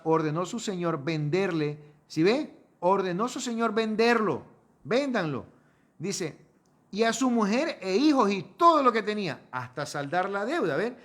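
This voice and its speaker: A man giving a sermon. He reads scripture aloud, explains it, keeps calling listeners "brother" and asks rhetorical questions. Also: a little high. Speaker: preacher teaching a Torah portion.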